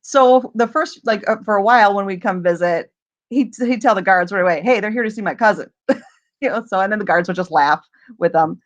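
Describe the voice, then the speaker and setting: A woman's voice: medium pitch, a little fast, muffled recording. A woman hosting a casual livestream Q&A, chatty and rambling, often laughing as she talks. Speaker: livestream host.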